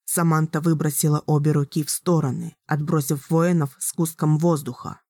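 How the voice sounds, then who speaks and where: A woman with a low voice narrates an audiobook in a measured, dramatic way. The recording is close and dry, with no room sound. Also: fairly even intonation, mellow, dry recording. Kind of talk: scripted narration.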